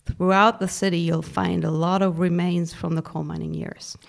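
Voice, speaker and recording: A woman's voice: fairly low pitch, little pitch movement, normal speed, gravelly. A woman hosting a podcast, delivering scripted conversational narration in English. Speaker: podcast host.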